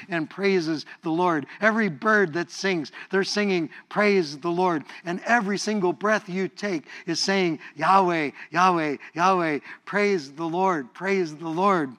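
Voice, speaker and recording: A middle-aged male pastor preaching a sermon, playful and lively, often repeating words and leading the congregation in call-and-response praise. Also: fairly high pitch.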